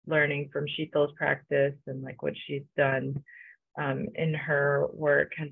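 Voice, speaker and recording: A woman's voice: low voice, level tone, slow pace, gravelly, husky, no room sound. A young woman from Romania, a co-curator, talking casually on a video call with many fillers and restarts. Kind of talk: casual panel talk. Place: home room with bookshelves. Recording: dry, phone-like video call audio.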